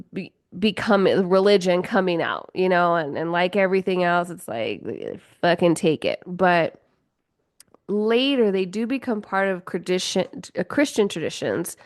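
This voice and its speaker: A woman host chats on her solo podcast at an unhurried, drawn-out pace. She rambles, swears freely and fills gaps with "like" and "you know". The sound is dry and close, with no room echo. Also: mid-range voice. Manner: rambling, swears, laughs often, many fillers. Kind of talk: casual solo podcast chat.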